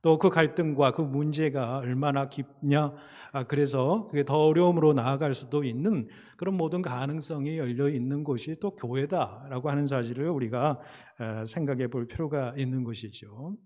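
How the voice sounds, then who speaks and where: A man preaching a Sunday sermon in a church, speaking in a measured way with frequent hesitation sounds and building emphasis on key points. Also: mid-range voice, darkish tone. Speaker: pastor. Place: church sanctuary.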